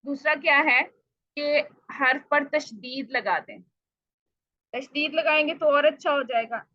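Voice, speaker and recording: A woman's voice: sits high, measured pace, no echo, lo-fi sound. A woman teacher giving a Quran recitation lesson, explaining patiently and asking questions she answers herself. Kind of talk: online tajweed lesson.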